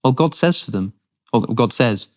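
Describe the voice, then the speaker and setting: A man's voice: medium pitch, lively intonation, normal speed. A man speaking as a guest in a long-form conversation, thinking aloud earnestly with frequent restarts.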